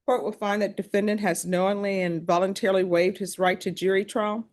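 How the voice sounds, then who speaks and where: A woman judge presiding in a courtroom, running through formal legal admonishments in a brisk, practiced way. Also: medium pitch, fairly even intonation, a little mellow. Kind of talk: courtroom proceedings.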